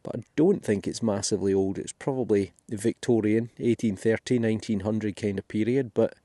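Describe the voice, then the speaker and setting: A man's voice: lowish voice, normal speed, mellow, no room sound, studio quality. A Scottish man giving chatty, thinking-aloud commentary as he digs finds in a field for his metal detecting vlog. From Scotland. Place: outdoors in a field.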